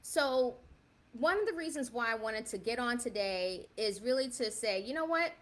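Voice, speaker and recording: On the high side and animated, this woman speaks at a moderate pace with a slightly bright tone. She's in her fifties, grew up in the South Bronx, New York, and hosts a casual livestream, chatting straight to her viewers and often checking in with a "right?"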